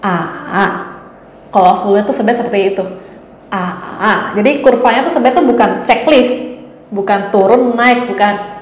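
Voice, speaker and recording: A woman's voice: medium pitch, a little mellow. Chatty young woman teaching tones. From Indonesia. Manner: chatty, demonstrates tones with sung syllables. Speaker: Mandarin teacher, channel host. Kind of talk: casual video lesson. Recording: slightly dull, roomy, faint hiss.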